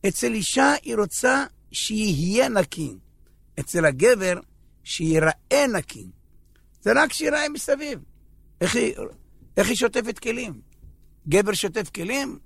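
Male preacher, comic storyteller, high voice with gravel, dry close sound. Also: a bit bright, dry recording. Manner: joking storyteller acting out scenes. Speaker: religious speaker. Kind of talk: humorous sermon.

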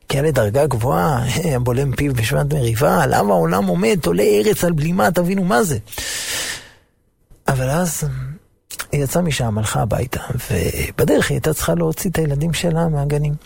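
A male preacher giving a sermon in a lively storytelling manner and acting out the voices of the people in his stories. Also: on the high side, vocal fry, husky, no room sound.

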